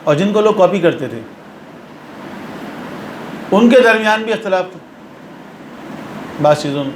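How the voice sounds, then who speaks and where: A man's voice: high-pitched, animated, reverberant, slight background noise, poor audio. A man giving a religious lesson. He explains patiently and repeats phrases for emphasis. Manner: explanatory, mixes English terms into speech. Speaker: religious lecturer.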